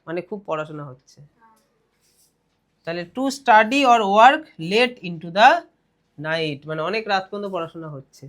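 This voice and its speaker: With a voice that sits high and a bit bright, a Bengali-accented man teaches grammar in a classroom. He slowly reads out English phrases before explaining them at a brisk clip, questioning his students throughout.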